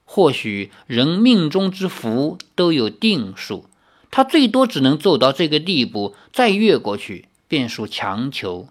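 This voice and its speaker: Expressive novel narrator, lively intonation. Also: medium pitch, a little slow. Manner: expressive storytelling with asides. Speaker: audiobook narrator. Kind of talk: novel read aloud.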